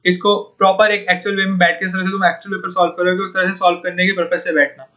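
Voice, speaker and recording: A man's voice: high-pitched, little pitch movement, rapid-fire, bright, forceful tone. A young man teaching exam puzzles in a casual, chatty way, often calling his viewers "bhaiya" and "yaar". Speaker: online exam-prep tutor. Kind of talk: informal Hindi lesson solving puzzles.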